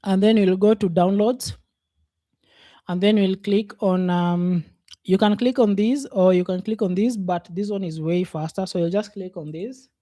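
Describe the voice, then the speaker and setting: A man's voice: sits high, steady tone, moderate pace, dark tone, no room sound, studio quality. A man teaching a programming class over a screen share, talking it through unhurriedly and thinking aloud with frequent fillers. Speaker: programming instructor. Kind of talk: casual screen-share coding lesson.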